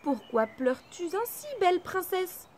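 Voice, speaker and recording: A woman voicing a frog in a read-aloud fairy tale, eager and insistent, calling out high and loud. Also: expressive, moderate pace, a little hiss or hum. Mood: coaxing.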